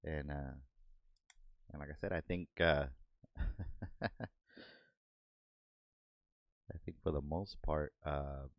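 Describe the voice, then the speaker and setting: Through a desk microphone, a podcast host and artist with a very deep voice chats easily while doodling. He laughs a lot and plays out cartoon moments in a laid-back way. The recording sounds dry and dull.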